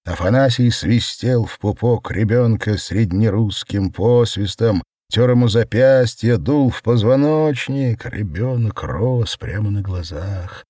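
Deep husky male audiobook narrator. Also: measured pace, few pauses, dark tone, no echo, studio quality. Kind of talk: audiobook reading of surreal prose.

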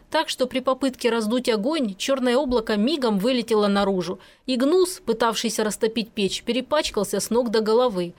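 Expressive woman reading a story aloud. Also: fairly high pitch. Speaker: audiobook narrator. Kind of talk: scripted narration.

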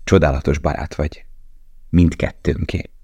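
A man reading the part of a young male prisoner tattooist, earnest and gentle in a storybook. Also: a bass voice, steady tone, gravelly, slightly rough, no room sound, dull audio, heavily acted. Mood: tender.

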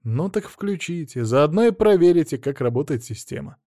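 A man voicing a calm, ironic police detective, polite and dry in an audiobook. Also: fairly high pitch, moderate pace, dry recording, voice pushed up. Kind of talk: audiobook character voice.

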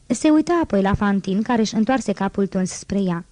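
A woman narrating an audiobook in a steady, measured way, close to the mic. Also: mid-range voice, no echo. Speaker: audiobook reader. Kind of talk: scripted narration.

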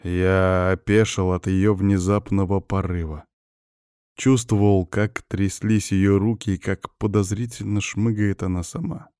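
A man narrating a first-person audiobook in an even, gruff storytelling voice. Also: low-pitched, unhurried, no room sound, clean studio sound.

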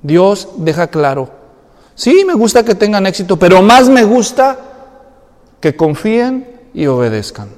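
A man preaches a sermon and slips into dramatized, colloquial voices for the people in the story. His voice sits high for a man, and a long hall reverb trails behind every phrase. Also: sing-song, unhurried, a little mellow. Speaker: pastor.

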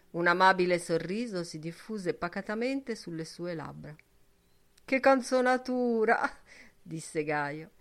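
A woman narrating a literary audiobook in a measured, expressive reading. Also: fairly low pitch. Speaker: audiobook reader.

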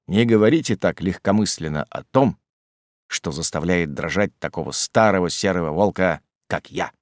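A grave old mountain hunter, as a male reader puts him on, speaking with solemn weight and a lively rise and fall. The audiobook recording is dry and close to the mic. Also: sits low, moderate pace, dry recording, voice pushed down.

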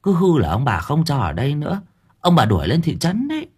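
A man voicing a doting old village grandmother who coaxes and fusses in a soft, low voice. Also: very animated, moderate pace, vocal fry, breathy edge, full character voice. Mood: coaxing. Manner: soft, coaxing and fussing.

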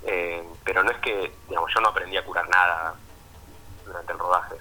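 Speaking over the phone in an interview, this Argentine-accented documentary filmmaker keeps his answers casual and informal, tossing in small tag questions to check with the listener. His low voice is brisk, bright and forceful, with fairly even intonation.

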